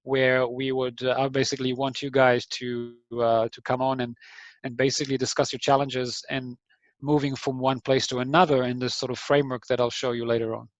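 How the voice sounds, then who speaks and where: His mid-range voice stays level in tone and moves fairly quickly, picked up without echo on a video call mic. The man speaks Israeli English with a touch of New Zealand, offering startups a friendly online talk that's hesitant and full of ums and restarts.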